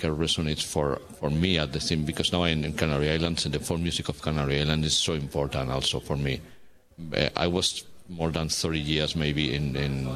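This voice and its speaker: A man from Spain with a Spanish accent, speaking as a guest artist in an interview, halting and searching for words in English. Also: extremely low pitch, a bit bright. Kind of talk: casual interview talk.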